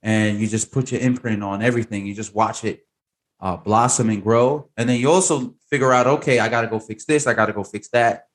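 A man hosting an interview, emphatic and enthusiastic, repeating words and lifting his pitch high when he praises. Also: steady tone, brisk. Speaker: show host.

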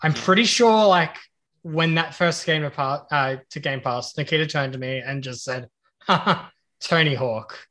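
A man's voice: fairly high pitch, moderate pace, a bit bright. A man on a podcast panel, talking in casual banter.

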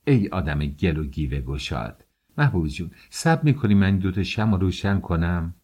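A man voicing an old nanny woman who is lazy, fussy and pleading, with a husky voice. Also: low voice, sing-song, darkish tone, heavily acted. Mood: wheedling. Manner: pleading, chatty.

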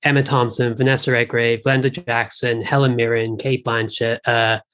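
A man's voice: mid-range voice, level tone, moderate pace, a bit bright. A man from Ireland with an Irish accent, talking informally as a guest in a casual film discussion, often saying "like". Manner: informal, peppered with "like". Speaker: podcast guest.

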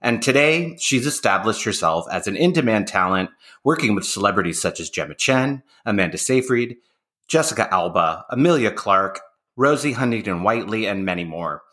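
A man's voice: fairly low pitch, lively intonation, moderate pace, pushed and bright. A man hosting a podcast interview, reading a guest introduction and then chatting loosely with filler words. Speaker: podcast host, makeup artist. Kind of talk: conversational interview.

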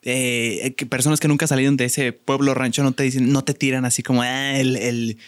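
A Mexican man with a Mexican accent who hosts a podcast, chatting in a relaxed, slangy way and telling stories quickly. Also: medium pitch. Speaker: podcast host. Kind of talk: casual podcast chat.

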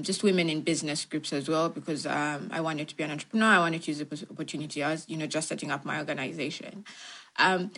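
A young Ugandan woman, a guest in an interview, gives thoughtful answers in a voice slightly lower than most women's, with a bit of brightness. She reflects as she goes, circling back with fillers and restarts.

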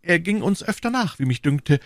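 A man's voice: animated, moderate pace, no room sound, studio quality. Bonacieux, a man doing a trembling shopkeeper. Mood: anxious, pleading. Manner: trembling, pleading, high-pitched. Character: timid frightened middle-aged male shopkeeper under interrogation. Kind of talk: audiobook reading.

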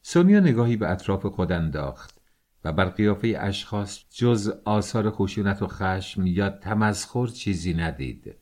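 A man narrating an audiobook in a measured, steady way. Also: sits low.

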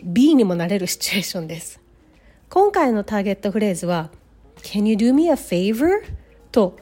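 Lively upbeat woman teaching English phrases. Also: on the high side. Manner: upbeat, encouraging, models English phrases slowly. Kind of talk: bilingual language lesson.

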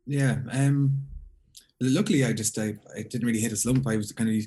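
A man's voice: mid-range voice, steady tone, normal speed, warm tone, a little hiss or hum. A young man from Galway with a west of Ireland accent, chatting casually and informally as a songwriter being interviewed. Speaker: singer-songwriter, interview guest.

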